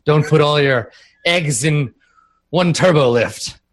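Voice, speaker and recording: A man's voice: on the high side, slight background noise, voice pushed up. A man voicing a smug, rich whale-like alien minister. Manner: slow, drawling and self-satisfied.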